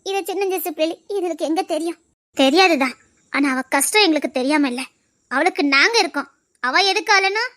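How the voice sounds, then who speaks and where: A woman's voice: very high voice, brisk, fairly bright tone, no echo. A woman acting in a family drama, speaking in an emotional, comforting way. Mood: consoling. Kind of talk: Tamil serial drama acting.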